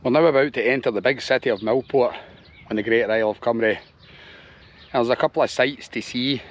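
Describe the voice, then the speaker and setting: A man's voice: medium pitch, a little fast. A man chatting casually through a travel vlog outdoors, self-deprecating and a little out of breath. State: slightly out of breath. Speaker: cycling vlogger. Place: outdoors, on a ferry and cycling roads. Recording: outdoor wind noise on the mic.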